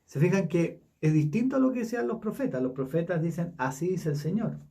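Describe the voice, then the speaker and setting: A man with a Chilean Spanish accent leading a casual Bible study, talking haltingly with many fillers and tag questions. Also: sits high, very animated, warm tone, distant mic.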